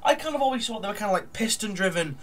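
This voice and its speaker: A hobby model builder vlogger, a man with a high-pitched, animated voice, talks very fast. He sounds nasal and stuffed up from a cold as he chats casually at his desk, narrating a model build with lots of ums and uhs.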